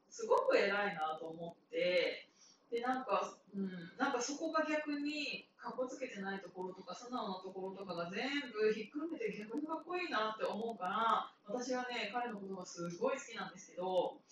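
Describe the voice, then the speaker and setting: Woman, 30s, solo podcaster, rambling and laughing, distant mic, heavy room echo. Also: mid-range voice. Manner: chatty and rambling, often laughing. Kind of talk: casual solo talk. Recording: very echoey room, far from the mic, with noisy background.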